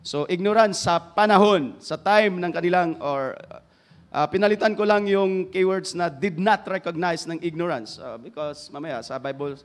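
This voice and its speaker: A man with a Filipino accent preaching a sermon, switching between Filipino and English, swinging from loud emphatic phrases down to hushed, low passages. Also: moderate pace. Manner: mixes English into Filipino, rising to loud emphasis then dropping to hushed tones.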